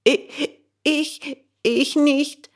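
A woman's voice: high-pitched, steady tone, slow pace, voice pushed up. A woman reading a storybook aloud and voicing a frightened, stubborn wooden puppet boy who wails, pleads and stammers. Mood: stammering.

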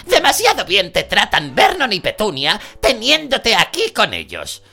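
A male narrator voicing a loud, bossy middle-aged aunt who bellows and scolds in a harsh, scornful way in an audiobook. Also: wildly swooping pitch, normal speed, vocal fry, faint music behind, full character voice. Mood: scornful scolding. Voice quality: booming, bellowing. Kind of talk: audiobook character voice.

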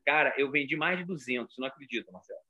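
A comedian from Rio de Janeiro with a carioca accent, telling stories in a casual chat and acting out voices. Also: male voice, mid-range voice, rapid-fire, highs cut off. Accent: Rio de Janeiro Portuguese. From Rio de Janeiro, Brazil. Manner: animated, acts out voices in his stories. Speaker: comedian guest. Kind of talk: casual storytelling.

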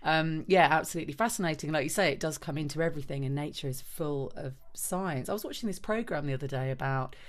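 A woman's voice: sits low, quick pace, hardly any pauses. A woman hosting an interview, asking enthusiastic, rambling questions full of fillers. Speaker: interviewer host.

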